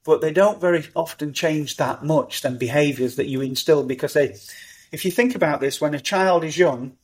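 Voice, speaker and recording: A middle-aged man, talking as a podcast guest in an animated, upbeat way. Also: on the high side, moderate pace. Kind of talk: conversational interview.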